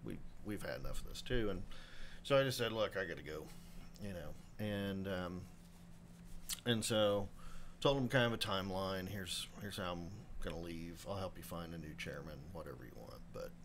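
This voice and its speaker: A deep-voiced man in his fifties, a chef guesting on a podcast, talks at a moderate pace with slight background noise in a live podcast room. His casual interview storytelling rambles and interrupts itself, full of animated impressions of what other people said.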